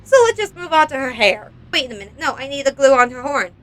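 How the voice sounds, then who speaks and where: A woman with a high, fairly bright voice talks fast and animatedly. She's the creator of doll customization videos, narrating a casual craft vlog in a rambling, self-deprecating, exclamatory style.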